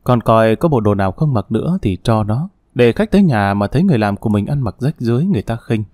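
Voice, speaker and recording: A man voicing a harsh, scolding middle-aged mother who snaps out her words quickly. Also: mid-range voice, lively intonation, no echo, studio quality, close to an everyday voice. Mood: scornful. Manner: sharp, rapid scolding.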